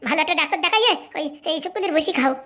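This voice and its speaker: A woman voicing a sharp-tongued middle-aged housewife in a comedy cartoon, scolding with quick retorts. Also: very high-pitched, animated, heavily acted. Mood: bickering.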